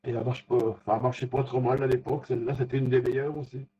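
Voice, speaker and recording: Over dull, lo-fi radio contact audio, a man in an informal technical conversation as a ham operator stumbles along, frequently groping for words. His voice sits mid-range and barely moves in pitch.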